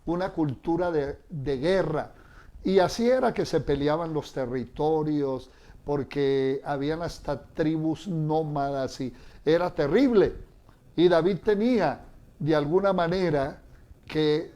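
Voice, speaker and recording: A man preaches at a very unhurried pace. His voice sits somewhat high but sounds mellow and warm. He retells the scripture dramatically and keeps turning to the listeners with questions. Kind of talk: sermon.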